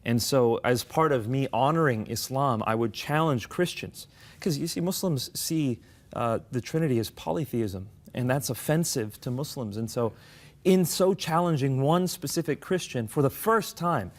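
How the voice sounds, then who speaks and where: A man's voice: mid-range voice, lively intonation, moderate pace. A young adult man from the United States, a guest in an interview, telling his life story in an earnest, articulate way. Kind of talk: conversational interview.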